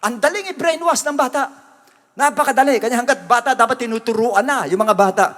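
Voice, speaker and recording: High-voiced man preaching in reverbing church. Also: brisk, fairly bright tone. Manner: emphatic preaching, repeats "brothers and sisters" often. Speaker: pastor. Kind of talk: sermon. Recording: long reverb of a church hall.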